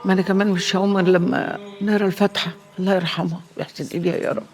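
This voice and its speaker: A woman's voice: fairly low pitch, fairly even intonation, racing, close to an everyday voice. A woman playing a sly Egyptian matriarch. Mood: weary. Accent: Egyptian Arabic. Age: older. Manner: sly, proverb-quoting, teasing. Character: shrewd older neighborhood matriarch, scheming aunt figure. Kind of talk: TV drama acting.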